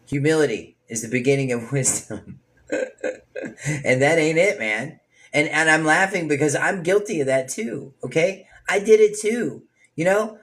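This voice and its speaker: A man with a slightly high voice teaches a Bible study in a loose, preachy way. He talks right at his listeners and throws in quick asides, then acts out people's words in shifting voices. It comes across as an informal sermon. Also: fairly bright tone.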